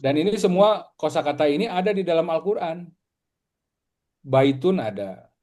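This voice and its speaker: A man from Indonesia teaching a casual Arabic lesson, patiently repeating words slowly for his students. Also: a little high, lively intonation, dark tone.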